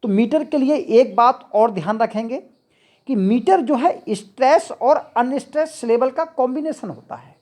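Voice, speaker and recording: A woman teaching an English poetry lesson, explaining each point slowly and repeating it, with English definitions mixed into her talk. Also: fairly high pitch, a little mellow. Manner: slow, repetitive, mixes English definitions into Hindi. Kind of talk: explanatory lecture.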